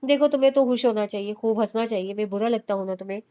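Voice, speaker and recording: A woman's voice: medium pitch, warm tone, clean tone, natural voice. Woman reading as a teasing young city man.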